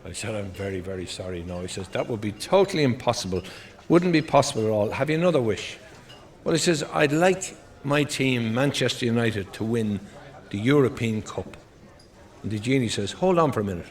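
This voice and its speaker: A man's voice: mid-range voice, animated, brisk. An Irish man doing stand-up, rattling off one-liners and short joke stories and acting out the characters in them. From Ireland. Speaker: stand-up comedian.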